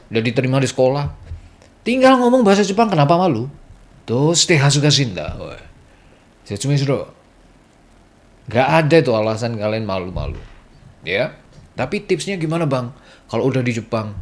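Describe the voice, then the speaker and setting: Chatty man giving casual language tips. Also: mid-range voice. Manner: chatty, slips into playful gruff Japanese impressions. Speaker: Japanese language tips vlogger. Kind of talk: casual spoken lesson.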